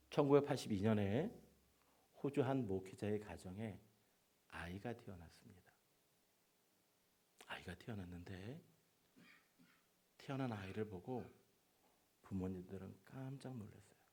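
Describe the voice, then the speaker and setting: A man preaching a sermon as a pastor, swinging between loud emotional exclamations and hushed whispers. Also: fairly low pitch, slightly rough.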